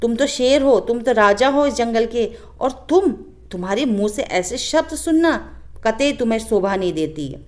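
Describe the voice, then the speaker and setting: A cocky little female fly from a children's storybook, mocking and daring a much bigger animal, as a woman teacher puts her on. She tuts in a hushed voice and taunts with open scorn. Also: on the high side, expressive, normal speed, lightly acted. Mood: taunting. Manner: scornful taunting, soft tutting. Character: cheeky boastful female fly.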